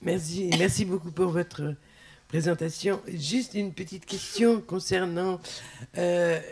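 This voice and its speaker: Man, fairly high voice, very slow pace, halting, audience question at an academic talk. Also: steady tone, a little mellow. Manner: halting, repeats words. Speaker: audience member asking a question.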